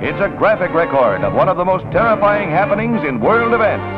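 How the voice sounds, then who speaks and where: A man's voice: sits high, sing-song, a little fast. A man with an American accent narrating a scripted 1940s newsreel in a dramatic, emphatic announcing manner. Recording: dull lo-fi 1940s newsreel soundtrack. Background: loud music.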